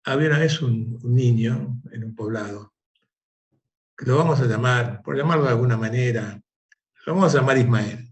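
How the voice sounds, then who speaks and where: A man, the guest of an interview, telling a parable and reflecting in an animated, conversational way. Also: medium pitch, normal speed. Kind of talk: conversational storytelling.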